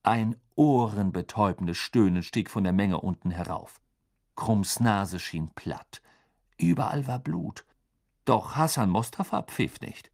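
A man narrating an audiobook in a lively, expressive reading style. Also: fairly low pitch, unhurried, gravelly. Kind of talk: scripted narration.

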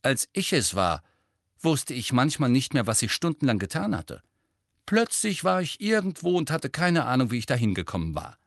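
A man voicing a blunt, fiery teenage girl who speaks forcefully. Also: medium pitch, sing-song, normal speed, dry recording, studio quality, voice pushed up.

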